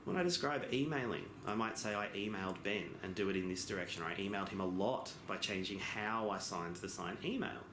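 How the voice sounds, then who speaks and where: A man giving a simultaneous interpretation as voice-over for a lesson, explaining in phrases with pauses and occasional self-corrections. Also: on the low side. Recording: echoey room with background noise.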